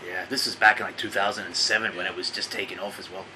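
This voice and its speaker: A man's voice: deep voice, fairly even intonation, quick pace, background noise. A man in his thirties from Australia, a podcast guest chatting casually in a laid-back, blunt way. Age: 30s. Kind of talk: casual chat.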